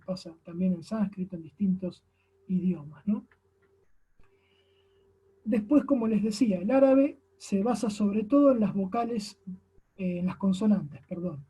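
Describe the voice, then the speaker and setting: Argentine accent, teacher, class lecture, very dark tone, husky, frequent "no?" checks. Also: medium pitch. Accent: Argentine Spanish. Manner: explains step by step, often adds a questioning "no?" tag. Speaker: language teacher.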